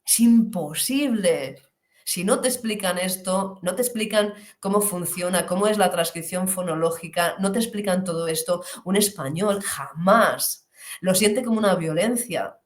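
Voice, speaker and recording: A woman teaching pronunciation in an online class, animated, slowly stretching the model words she demonstrates. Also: fairly low pitch, reverberant.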